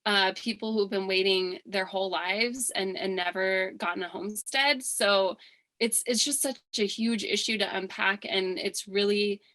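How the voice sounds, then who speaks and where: A woman from Hawaii running for office, answering forum questions earnestly, with many pauses, fillers and restarts. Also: mid-range voice, steady tone, bright, forceful tone, rough recording. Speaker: political candidate. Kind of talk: candidate forum interview answers.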